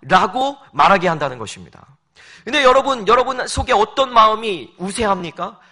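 A man's voice: high voice, moderate pace. A male pastor preaching a sermon in a church, asking his congregation questions and repeating his points with pleading emphasis. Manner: lively, rhetorical questions, pleading repetition. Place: church sanctuary.

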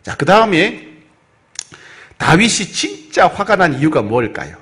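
Male pastor preaching, reads verses slow then explains, voice jumps around a lot, on the higher side. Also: fairly bright tone. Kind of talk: sermon with scripture reading.

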